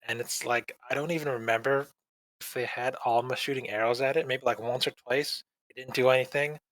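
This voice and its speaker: A man's voice: mid-range voice, a little fast, no echo. Dry-voiced man in a rambling review. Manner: rambling, deadpan and dismissive. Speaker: podcast co-host. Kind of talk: casual anime review chat.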